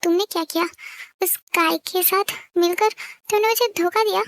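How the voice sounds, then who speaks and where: Brief: woman voicing a possessive young husband, very high, dry close audio, harsh then pleading. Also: steady tone, normal speed, fairly bright tone, dry recording. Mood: angry. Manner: harsh, scolding, then begging. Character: jealous hot-tempered young husband. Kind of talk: fan-fiction audio story.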